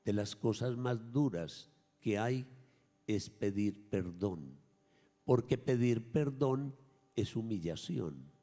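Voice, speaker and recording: Slow, dark-voiced priest preaching in a church. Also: male voice, fairly low pitch, animated, big-room sound. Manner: emphatic preaching that swings from raised to hushed, acting out quoted people. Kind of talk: sermon at Mass.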